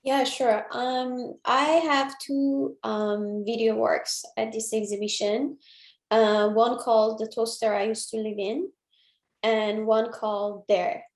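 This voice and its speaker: A woman in her twenties from Iran, speaking as an artist in an online interview. She talks slowly and carefully, pausing often to find her words. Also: a little high, flat delivery. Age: 20s. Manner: slow and measured, pauses often to find words. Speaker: featured artist. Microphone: video call. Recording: roomy echo.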